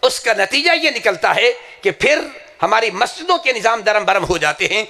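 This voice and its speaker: Male preacher, high and bright-toned, with a gravelly edge, impassioned storytelling sermon. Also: very animated. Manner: impassioned, storytelling, swears sincerity. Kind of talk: religious sermon with anecdotes. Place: madrasa gathering.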